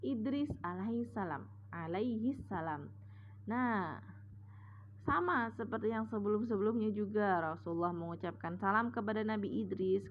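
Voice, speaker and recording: A woman religious teacher telling a story as a lesson, patiently, step by step. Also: mid-range voice. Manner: patient, retelling step by step with "nah" and "sama". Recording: dull lo-fi recording with faint hum.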